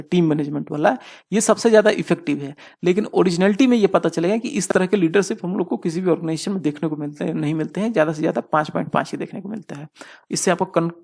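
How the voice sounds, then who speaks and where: A man's voice: high voice, creaky, darkish tone. A man teaching a lecture, posing questions and answering them himself while often checking in with his students. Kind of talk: explanatory lecture.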